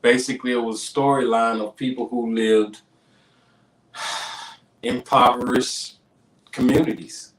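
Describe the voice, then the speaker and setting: A man's voice: mid-range voice, little pitch movement, unhurried, pauses often. A man, a guest hip hop artist, talking earnestly in a casual remote interview over a bad connection with a clipping mic. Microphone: remote call mic. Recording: echoey, clipping remote call audio.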